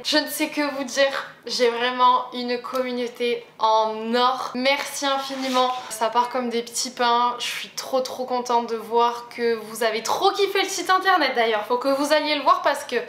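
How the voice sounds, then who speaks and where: A young woman from France, vlogging on busy city streets in a chatty, excitable, slangy way on a lapel mic. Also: a little high, moderate pace. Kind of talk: casual travel vlog. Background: loud background music.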